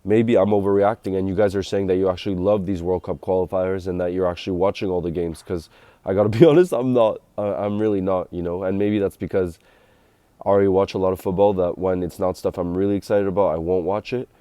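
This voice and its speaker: A man vlogging casually about football, congested from a cold and low on energy, rambling and chatty. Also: flat delivery, fast, mellow, clear, resonant tone, dry recording. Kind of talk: casual talk to camera.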